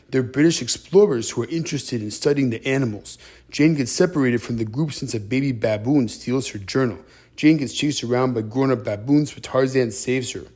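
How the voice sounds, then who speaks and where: A man's voice: mid-range voice, a little mellow, slightly rough. A man hosting his own channel, casually retelling a film's plot as a movie review in a chatty way.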